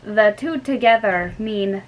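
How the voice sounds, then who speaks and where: With a mid-range voice and a slow pace, a young woman reads aloud in light character as an exhausted middle-aged male professor with an affected German accent, speaking earnestly and emphatically. A close-range webcam in a small bedroom picks her up, with the highs cut off and slight background noise.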